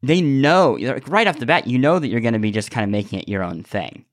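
Brisk and mid-range, this man co-hosts a podcast, sharing casual opinions and analysis while frequently repeating words as his point takes shape. It's studio-quality audio without any echo.

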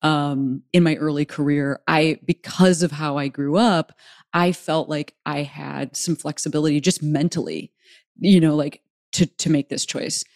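A woman's voice: deep voice, steady tone, unhurried, a little mellow, no room sound, clean studio sound. A middle-aged woman hosting a casual conversation, chatty with wry, self-deprecating humor. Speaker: host.

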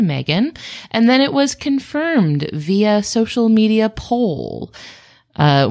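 A woman hosting a relaxed animal podcast, talkative and fond of deadpan asides. Her voice sits a little on the low side. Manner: chatty, playful, dry jokes. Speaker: podcast host. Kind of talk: casual podcast chat.

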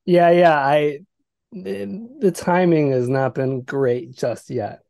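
A man joining a casual podcast remotely, chiming in with dry, deadpan remarks. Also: on the high side, slow, vocal fry, no room sound.

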